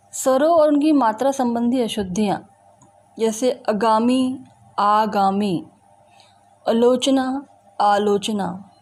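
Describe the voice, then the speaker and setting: Slow, mellow-voiced woman teacher. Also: fairly high pitch. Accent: Indian. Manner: slow, deliberate, repeats example words one by one. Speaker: school teacher. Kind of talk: recorded Hindi grammar lesson.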